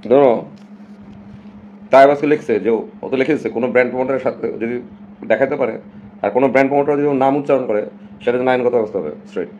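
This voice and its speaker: A man's voice: medium pitch, quick pace, long pauses, a little mellow, lo-fi sound, slight background noise. A man from Bangladesh, talking casually and emphatically to his viewers on a live stream and slipping English phrases in.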